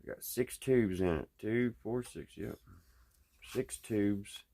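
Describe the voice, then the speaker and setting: A low-voiced, folksy man works indoors at a workbench, thinking aloud as he hosts a casual, unscripted vlog about repairing radios as a hobby. He speaks slowly with a warm tone.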